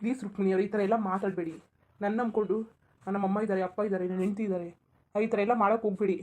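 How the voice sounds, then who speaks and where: A woman's voice: medium pitch, steady tone, racing, mellow, lightly acted. A woman voicing a flustered, polite young married man in a cartoon, pleading with someone to stop. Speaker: cartoon character. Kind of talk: Kannada cartoon voice acting.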